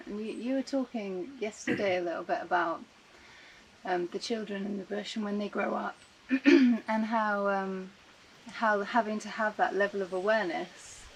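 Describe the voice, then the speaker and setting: A woman co-hosting an interview, gently prompting the guest with a question in casual talk. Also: medium pitch, slight background noise, rough recording. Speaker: co-host, interviewer. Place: outdoor treehouse balcony.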